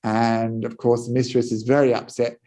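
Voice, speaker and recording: A Buddhist monk giving a dharma talk, telling a teaching story in a calm way. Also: male voice, mid-range voice, moderate pace.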